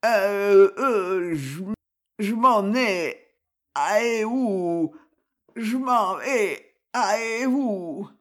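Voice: medium pitch, lively intonation, drawn-out words, fairly bright tone. A reader voicing a man who fakes being drunk, slurring, stammering and hiccuping. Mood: pleading drunk.

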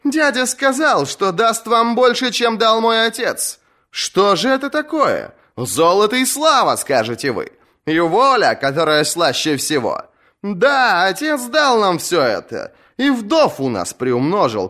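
A man's voice: high voice, pushed and bright, pitched above the performer's own voice, full character voice. A man voicing a fierce young female sea captain who taunts her rivals, in an audiobook reading. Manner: mocking, taunting, commanding.

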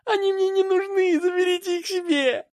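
A woman's voice: very high voice, normal speed, a little mellow, dry recording, studio quality, pitched above the performer's own voice. A woman doing an upset young boy.

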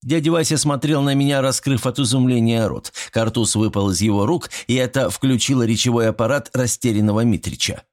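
A man reading an audiobook with lively, character-driven narration. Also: mid-range voice, fairly quick, few pauses.

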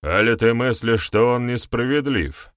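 A man's voice: mid-range voice, animated, measured pace, no room sound, clean studio sound, voice pushed up, close to an everyday voice. A man doing an earnest, raised-voice village sorcerer. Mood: challenging. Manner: pressing, rhetorical, emphatic. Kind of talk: audiobook character voice.

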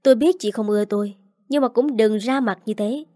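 A woman voicing a spiteful, sharp-tongued young woman who scolds with contempt. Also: on the high side, a little fast, no room sound, clean studio sound, lightly acted. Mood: indignant.

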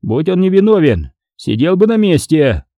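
A man voicing a menacing, contemptuous gang boss in an audiobook, talking roughly. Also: on the high side, very animated, moderate pace, dark tone, dry recording, clean studio sound, voice pushed up. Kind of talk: audiobook character voice.

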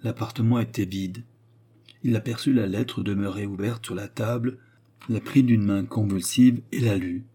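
A man narrating a novel as an audiobook in a measured storytelling manner. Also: on the low side, steady tone, mellow, husky.

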